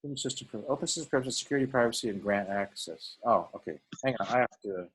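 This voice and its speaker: Man, husky mid-range voice, informal online group conversation. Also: medium pitch, fast talker, low-quality recording. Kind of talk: casual group video chat. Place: indoors on a computer video call.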